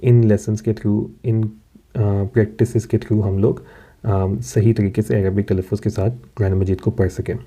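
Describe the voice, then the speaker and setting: Patient male Quran reading teacher. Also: fairly low pitch. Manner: slow drawn-out syllables when modeling words; calm, patient explaining. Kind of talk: recorded lesson.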